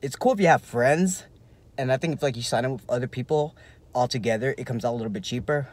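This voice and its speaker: A young man talks into a phone held at arm's length while sitting in his parked car. His delivery is loose and rambling, full of filler words, like a casual vlog review. His voice sits at an ordinary pitch for a man. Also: quick pace. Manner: loose and rambling, leans heavily on "like". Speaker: vlogger.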